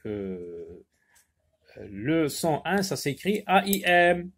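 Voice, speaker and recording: A man teaching a French phonics lesson, repeating words slowly and spelling out letters. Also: on the high side. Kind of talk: slow, drawn-out phonics lesson.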